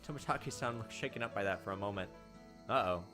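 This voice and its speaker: Over music, a low-voiced, fast-talking let's play host works through a visual novel, narrating it aloud and dropping in offhand, casual comments.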